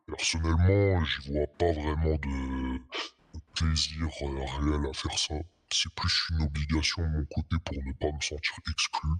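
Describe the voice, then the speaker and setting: A man playing an anonymous police officer giving guarded, hesitant, formal testimony in a disguised deep voice put through a voice changer. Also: steady tone, a little slow. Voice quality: disguised, artificially deepened voice. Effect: pitch-lowering voice changer. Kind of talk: role-play interview. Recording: long echoing reverb, muddy voice.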